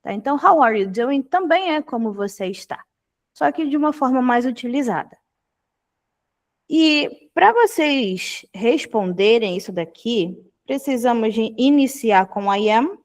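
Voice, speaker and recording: A woman's voice: a little high, lively intonation. A young adult woman from Brazil teaching an online English class over a video call, explaining patiently and checking in often with the students. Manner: explanatory, frequent "tá?" checks, repeats phrases slowly.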